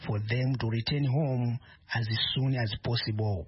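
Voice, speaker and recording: A male news correspondent giving an interpreter voice-over, speaking an English translation in a measured way over a foreign-language speaker. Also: medium pitch, steady tone, breathy edge, dry recording. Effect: interpreter voice-over layered on the original speech. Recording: slightly dull broadcast audio, faint noise.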